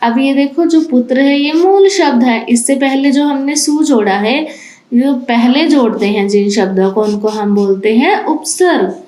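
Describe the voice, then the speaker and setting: A fairly high-voiced woman teaches young children, stretching each word out slowly and clearly. The room echoes around her voice. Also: mellow. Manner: slow, deliberate, spells out words for children. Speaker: school teacher. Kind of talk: recorded grammar lesson.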